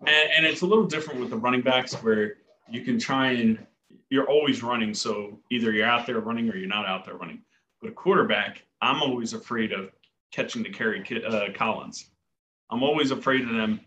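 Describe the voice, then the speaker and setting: A man's voice: mid-range voice, brisk, bright, forceful tone, a little hiss or hum. A man co-hosting a casual sports podcast, giving plain, firm opinions. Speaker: podcast co-host. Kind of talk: casual fantasy football chat.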